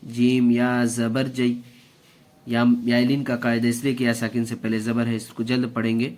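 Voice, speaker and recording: A man teaching Quran reading, spelling out syllables slowly and deliberately, with short asides to viewers. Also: medium pitch. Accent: Indian Urdu-Hindi. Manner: slow, deliberate syllable-by-syllable drilling, even tone. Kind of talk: spelling-out Quran recitation lesson.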